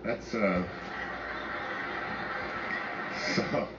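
A man in his seventies giving an inspirational talk, telling family stories and mimicking his daughters in a higher voice. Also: steady tone, drawn-out words. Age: 70s. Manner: storytelling, rising high when mimicking his daughters. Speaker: speaker. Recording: echoey, distant, muffled with noise.

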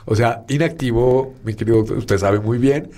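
A man's voice: medium pitch, moderate pace, warm tone. Joking Mexican man telling stories. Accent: Mexican Spanish. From Mexico City. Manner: storytelling, joking, with stammered restarts. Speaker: podcast host. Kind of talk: casual chat and anecdote.

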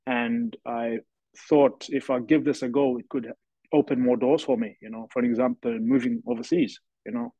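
On a podcast interview, a rugby pro from South Africa shares his story earnestly and thoughtfully, his mid-range voice warm and level at a moderate pace. There's no room sound, and the lo-fi recording is dry and a bit dull.

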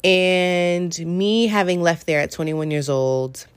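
A woman in her late twenties from the San Francisco Bay Area talks informally and freely on her solo podcast. Her voice sits low for a woman. The recording is dry, with no room sound. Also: steady tone, slow, smooth, no echo. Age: late 20s. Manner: chatty, informal, uses slang. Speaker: podcast host. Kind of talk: casual solo podcast chat.

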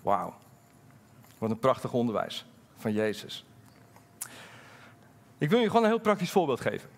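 A middle-aged man preaching a sermon as pastor, lively and candid, moving between loud emphasis and quiet, halting personal asides. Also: mid-range voice, vocal fry. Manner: candid, halting storytelling with fillers.

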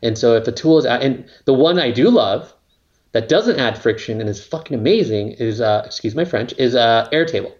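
A man's voice: medium pitch, expressive, normal speed, muffled recording. A man, a company co-founder, talking casually in an interview, rambling with lots of fillers and some casual swearing.

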